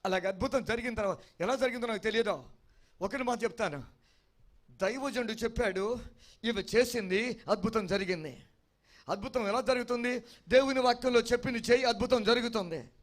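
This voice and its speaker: A man's voice: very high-pitched, a little fast. A male pastor delivering an expository sermon, preaching with emphatic repeated refrains and often asking the congregation whether they follow him.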